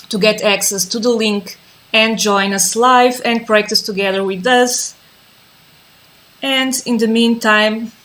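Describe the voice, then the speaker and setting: A yoga and mindfulness teacher from the Azores, Portugal, opens a live-streamed class with a voice on the high side. She is calm and patient, repeating herself as she waits for viewers to join.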